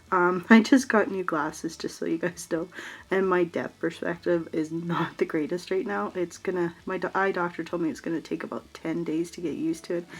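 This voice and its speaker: Her voice sits on the low side and sounds slightly rough, congested and nasal because of allergies, on a low-quality recording. She is a scrapbooking vlogger chatting casually through a craft tutorial, rambling with fillers and small laughs.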